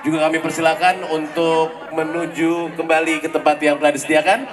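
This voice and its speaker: A man working as an event MC, booming out ceremony announcements to the crowd. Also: flat delivery, fairly quick, in a large hall, over music. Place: large event venue with crowd. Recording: far from mic, loud crowd noise.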